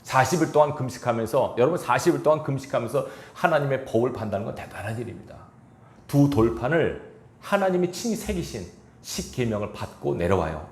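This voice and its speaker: A male pastor preaching a sermon in a church, animated and asking the congregation rhetorical questions. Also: medium pitch, brisk. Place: church sanctuary. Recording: echoey church room with faint noise.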